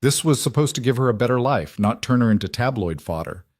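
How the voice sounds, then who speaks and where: A man's voice: mid-range voice, animated, a little fast, a little mellow, dry recording, clean studio sound, natural voice. A man voicing a frustrated, protective single father in a storybook reading, earnest and blunt. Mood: resolute. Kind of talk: storybook narration.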